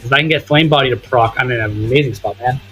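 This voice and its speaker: A young gaming commentator talks casually over footage of his own gameplay, thinking out loud and swearing now and then. His mid-range voice is bright and forceful, he speaks fast, and the rough recording has faint music behind it.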